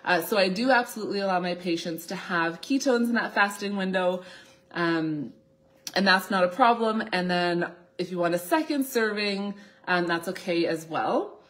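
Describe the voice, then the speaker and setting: This thirty-something woman, a naturopathic doctor, runs an informal live question-and-answer talk from her desk in a small indoor office. Despite a slight cold, her lowish, fairly bright voice is expressive and moves at a normal speed.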